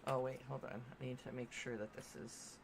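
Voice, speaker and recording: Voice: mid-range voice, little pitch movement, a little fast, creaky, background noise. A game streamer giving casual gameplay commentary, chatty and thinking aloud while building.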